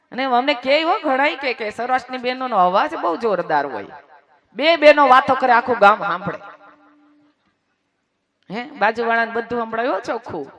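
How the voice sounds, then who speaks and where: A woman from Gujarat giving a devotional sermon to a large audience, lively, teasing the crowd and leading chants. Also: sits high. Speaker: religious storyteller.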